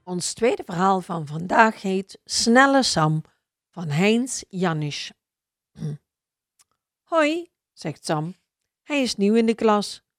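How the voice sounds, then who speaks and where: A woman reading a children's story aloud in a slow, expressive storybook manner. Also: mid-range voice, no room sound.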